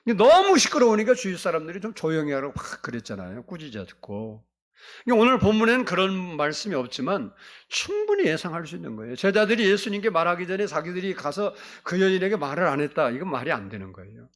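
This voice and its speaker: Animated preaching man, high and lively. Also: quick pace. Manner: emphatic preaching, prompts the congregation to respond. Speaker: pastor. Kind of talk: sermon. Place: church sanctuary.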